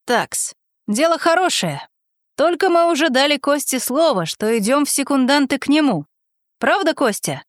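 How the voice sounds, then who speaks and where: A woman's voice: high-pitched, lively intonation, moderate pace, dry recording, studio quality. A woman reading aloud, voicing a young man who politely teases and plays along with irony. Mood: ironic. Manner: polite, ironic, teasing. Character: mocking, ironic young man playing along.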